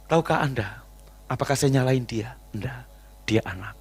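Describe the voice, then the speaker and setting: A male pastor with an Indonesian accent preaching a sermon, swinging between quiet asides and shouted climaxes, mixing casual slang with formal address. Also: medium pitch, moderate pace, breathy edge. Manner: animated preaching, shouts climaxes, acts out quoted dialogue.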